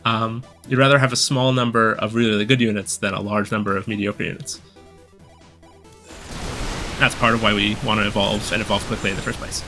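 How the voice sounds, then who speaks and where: A gameplay guide commentator with a low, gravelly voice walks through a game build, sounding a bit hoarse from a cold. He's relaxed and explanatory but brisk, dropping in lots of easygoing ums, while loud game music plays underneath.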